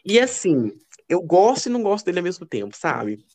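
A man co-hosting a podcast, telling gossipy stories in a casual, animated way. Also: a little fast. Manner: expressive, lively pitch. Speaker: podcast co-host. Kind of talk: casual chat.

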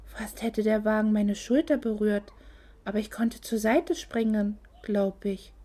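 Brief: a frail woman in shock, thin breathy whisper, read by a female narrator. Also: medium pitch, fairly even intonation, a little slow, warm tone, close to an everyday voice. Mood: dazed.

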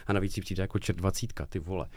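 A man co-hosting a casual podcast chat, blunt and animated, swearing freely. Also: low voice, a little hiss or hum. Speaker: podcast co-host.

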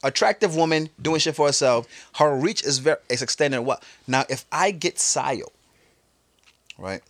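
A man's voice: fairly high pitch, moderate pace, no room sound. A man hosting a casual podcast, loose and joking as he makes his points. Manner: loose, expressive, joking, mock voices. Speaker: podcast host. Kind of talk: casual banter.

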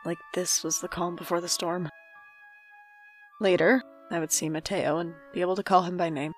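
In an audio drama, a woman plays the main character and narrator, a guarded, wry young adult estranged from family, speaking introspectively in a reflective mood. Her lowish voice stays steady at a moderate pace, close to everyday speech, with faint music behind.

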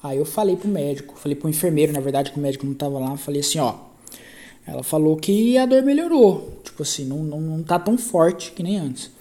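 A man's voice: on the high side, expressive, fast, mellow. A man with a Brazilian Portuguese accent hosting a podcast, telling a story in a casual, rambling way, often restarting and repeating himself. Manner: rambling, self-correcting, repeats phrases, slangy. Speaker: podcast host.

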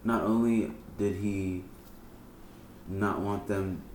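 Super deep voiced dude, chill and slangy, bro every other word, echoey room w faint hiss. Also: male voice, steady tone, takes it slowly, a little mellow. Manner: laid-back, slangy, says bro a lot. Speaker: podcast co-host. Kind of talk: casual chat. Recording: roomy echo, faint background noise.

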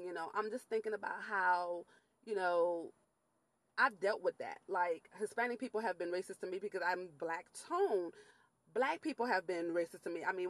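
Middle-aged woman vlog host from Latin America; candid, chatty storyteller, mid pitch. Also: no room sound, low-quality recording. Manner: candid storytelling, animated quoted asides. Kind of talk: casual monologue.

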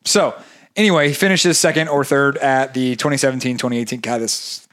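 A man hosting a laid-back podcast, chatting at a quick clip. He rambles, circles back on himself and drops jokes along the way. His voice sits in the middle of the usual range for a man. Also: medium pitch, fairly even intonation, fairly bright tone. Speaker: podcast co-host. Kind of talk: casual podcast chat.

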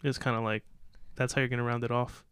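A man's voice: mid-range voice, little pitch movement, quick pace, fairly bright tone, clear, resonant tone, no room sound, clean studio sound. A man co-hosting a casual sports podcast, reading out draft picks and giving loose, opinionated takes. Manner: opinionated, loose, reads out picks then riffs. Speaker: podcast co-host.

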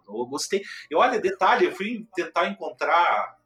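A man's voice: a little high, very animated, measured pace, pushed and bright. A man, co-hosting a casual chat about classical music and explaining things eagerly, with many fillers and restarts. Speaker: co-host.

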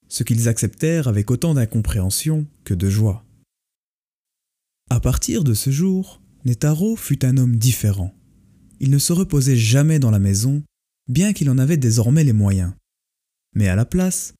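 A man narrating a folk tale in a calm, measured way. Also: mid-range voice. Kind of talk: storybook narration. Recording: faint music behind the voice. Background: faint music.

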